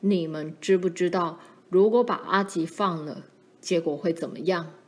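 A woman voicing a protective pioneer father who speaks firmly and gravely to his daughters. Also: lowish voice, normal speed, darkish tone, voice pushed down, lightly acted. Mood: stern. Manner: firm and warning, grows grave.

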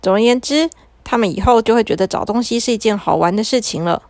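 A woman's voice: a little high, quick pace, a little mellow, no echo, close to an everyday voice. A woman voicing a kindly male magician in a children's story, easygoing and reassuring. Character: kindly male magician in cloak and tall hat.

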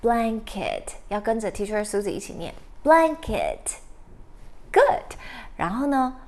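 A woman teacher telling a story to children, animated and drawing out her words while asking the listeners questions. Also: medium pitch, moderate pace.

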